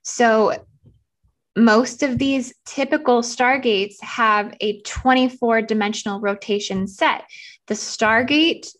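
Fast-talking excited woman vlogger. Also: a little high. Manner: rapid, excited, many ums. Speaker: channel host. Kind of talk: casual spiritual vlog talk.

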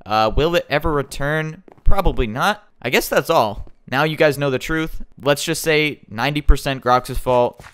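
A man's voice: fairly high pitch, moderate pace, hardly any pauses, fairly bright tone, clear, resonant tone. A man hosting a casual vlog, telling a story in a joking, mock-defensive, chatty way. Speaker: YouTuber host.

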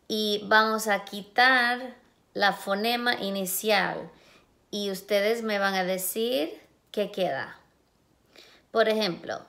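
A woman teacher guides young children through a sound drill at a very slow, careful pace. She stretches each syllable and phoneme so it can be heard and repeated back. Her pitch sits in a middle range. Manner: slow, clear, drawn-out sound-by-sound pronunciation. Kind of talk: phonemic awareness lesson for children.

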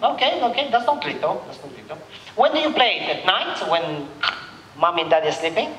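A man in his thirties, an English teacher and examiner, quizzes students in a casual, jokey, encouraging way, repeating their answers back in a high, sing-song, brisk voice. He's on a headset mic in an indoor language-centre room that sounds echoey, with a noisy background.

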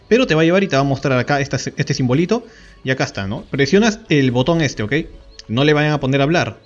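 A man giving a casual game tutorial, explaining step by step and often checking in with listeners. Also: mid-range voice. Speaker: gaming YouTuber.

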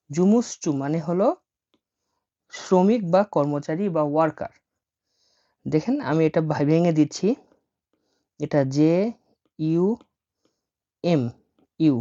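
A woman who speaks Bengali as her first language teaches a language lesson, spelling words out letter by letter and repeating each one slowly. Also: low-pitched, dark tone. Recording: dull lo-fi audio.

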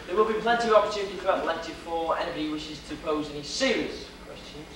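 Talking very fast, with a fairly high, bright voice and fairly even intonation, a young man from Wales gives a jokey, theatrical history lecture in a hall with a projection screen. The noisy old footage comes from a distant camera, with echo throughout.

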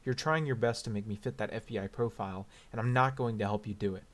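An enraged young defendant lashing out, as a man reading puts him on. The fairly low voice gets louder and accusing, read as part of an audiobook. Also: fast talker, close to an everyday voice. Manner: shouting, accusing.

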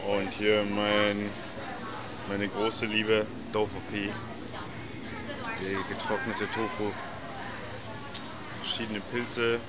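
A man narrating a handheld tour of a supermarket, walking and commenting in a relaxed way on the camera mic. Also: on the low side. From Germany. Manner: relaxed, unhurried, commenting as he walks. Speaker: vlogger. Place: large supermarket indoors. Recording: loud store noise behind. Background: supermarket bustle.

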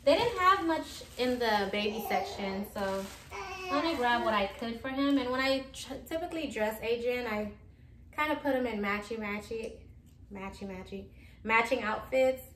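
A woman's voice: fairly high pitch, animated, moderate pace, noisy background. A woman in her thirties casually chatting through a shopping haul in her living room, filmed by a camera across the room. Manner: chatty, showing items one by one. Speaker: vlogger. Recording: echoey room.

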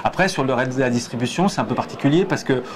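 A stage director in his forties, with a mid-range, expressive voice, speaks fast while answering interview questions thoughtfully. He's hesitant, restarts often, and gestures as he talks, sitting in a box seat of a theatre auditorium on a lapel mic, with busy crowd chatter behind him.

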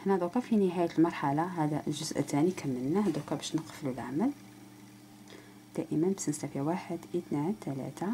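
With an Algerian Arabic accent, a woman walks the viewer through a crochet project step by step, counting stitches out loud and addressing them directly. Her voice is deep and mellow, her delivery rapid-fire. There's a slight hiss or hum in the recording.

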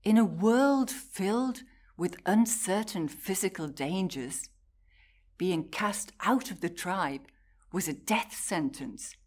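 Slow, low-voiced woman giving a talk. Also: lively intonation, darkish tone. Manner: measured, deliberate storytelling with short phrases. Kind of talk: prepared personal talk to an audience.

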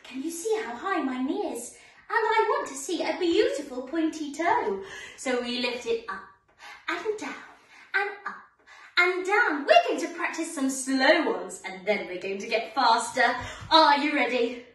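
Young woman, overbright kids party host manner, sing-song children's ballet teacher, swooping intonation, unhurried, distant mic in a roomy living room. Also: high voice, expressive, a bit bright. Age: young adult. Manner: exaggerated gasps and oohs, coaxing questions. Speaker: pre-school ballet teacher. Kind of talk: children's lesson and storytelling, talking to small children. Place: living room with wooden floor. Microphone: camera a few metres away. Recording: roomy echo, distant camera microphone, faint music.

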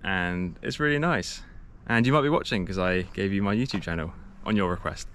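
A man's voice: deep voice, a little fast, fairly bright tone, a little hiss or hum. A young man chatting to an action camera held at arm's length outdoors during a cycling trip, rambling and correcting himself as he goes. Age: young adult. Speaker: cycle touring vlogger. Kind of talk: casual vlog to camera. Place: outdoors on a sunny coastal path.

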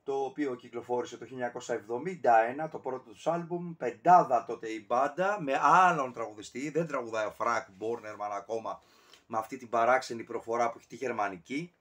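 A man's voice: mid-range voice, a bit bright. Rambling man with filler-heavy talk. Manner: rambling, digressive, with many fillers and self-corrections. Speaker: music reviewer. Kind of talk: casual album-ranking video talk.

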